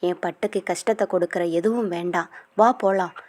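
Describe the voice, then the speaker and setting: A woman voicing a young husband who pleads softly and tenderly with his crying wife. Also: fairly low pitch, steady tone, moderate pace, natural voice. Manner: soft, pleading, affectionate.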